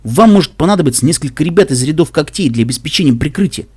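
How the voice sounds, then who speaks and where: A man's voice: a little high, animated, quick pace, darkish tone, breathy edge, no echo. A man voicing a brave, cheerful male pegasus caravan guard in an audiobook, speaking boldly and reassuringly. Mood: hearty.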